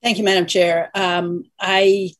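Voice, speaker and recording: A woman with a husky, fairly low voice gives formal remarks as a commissioner. She is deliberate and halting, with little movement in pitch. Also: level tone, low-quality recording. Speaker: government commissioner.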